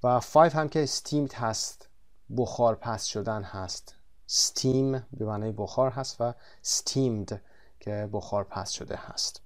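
Man teaching English vocabulary. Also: medium pitch. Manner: slow, careful English words, quick Persian explanations. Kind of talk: textbook vocabulary lesson.

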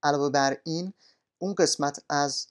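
A male language teacher walking students through course materials in a polite, formal way, often pausing with "uh". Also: on the high side, clean tone. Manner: polite, formal, with frequent "uh" pauses. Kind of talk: recorded course walkthrough.

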